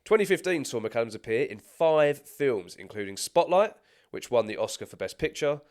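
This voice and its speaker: A man's voice: medium pitch, expressive, moderate pace, darkish tone. A man co-hosting a film podcast who chats casually, restarts his sentences and reads out a scripted career rundown. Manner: chatty, stumbling restarts, frequent laughter. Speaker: podcast co-host.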